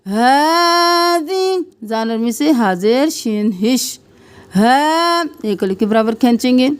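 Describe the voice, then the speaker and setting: Slow, high-voiced woman teaching recitation. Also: animated. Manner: drawn-out recited syllables, then quick explanations. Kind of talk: slow tajweed lesson, recitation and explanation.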